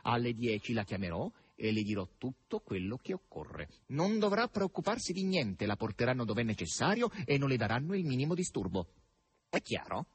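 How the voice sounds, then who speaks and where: Azazello, a man doing a husky mocking demon. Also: medium pitch, very animated, moderate pace. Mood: commanding. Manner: curt, impatient, mocking. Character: gruff sardonic male demon henchman.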